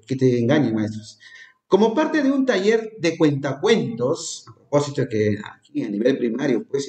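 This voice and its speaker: A man's voice: a little high, a little mellow. Man teaching in an echoey room. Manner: addresses teachers as "maestro", asks questions and repeats key terms slowly. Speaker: teacher leading an exam prep class. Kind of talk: exam review lesson.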